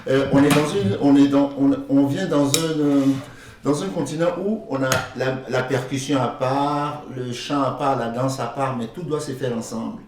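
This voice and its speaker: A man's voice: mid-range voice, moderate pace, noisy background. Hesitant man teaching drumming, echoey room. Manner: hesitant, many fillers and restarts. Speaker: drum workshop leader. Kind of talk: teaching music to children. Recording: echoey room, far mic, loud drums.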